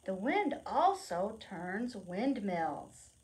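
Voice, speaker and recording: Speaking very slowly in a mid-range voice, a woman hosts storytime for preschoolers, reading aloud, explaining things simply and expressively, and posing questions to the kids.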